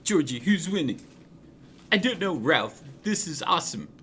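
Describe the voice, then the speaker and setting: A man voicing two excited male cartoon mice in a tabletop game, squealing and gleeful. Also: a little high, moderate pace, slight background noise, pitched above the performer's own voice.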